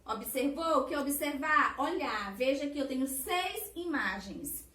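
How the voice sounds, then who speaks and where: Heard from a distance amid roomy echo and faint hiss, a woman teacher with a Brazilian Portuguese accent gives young children a recorded lesson. She's patient and sing-song, stretching syllables, her high voice bright and forceful, lively in intonation and a little slow.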